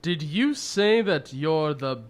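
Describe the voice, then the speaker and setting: Woman as Doctor Watson, low, slow, proper gentleman. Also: animated. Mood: disapproving. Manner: fussy, hesitant, proper. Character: earnest, easily shocked male doctor, detective's companion. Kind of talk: radio drama acting.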